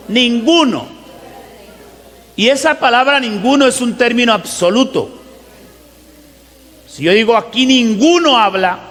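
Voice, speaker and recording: A man preaching a teaching sermon, who asks the congregation rhetorical questions and slows down to stress scripture verses. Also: sits high, fairly bright tone. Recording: long hall reverb.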